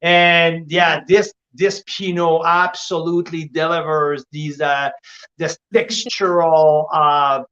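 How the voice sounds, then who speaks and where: High-voiced man, sommelier-style wine chat. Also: level tone, slow, pushed and bright. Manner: sommelier-like wine tasting talk. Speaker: host and wine reviewer. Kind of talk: casual wine tasting chat. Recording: dull, lo-fi audio.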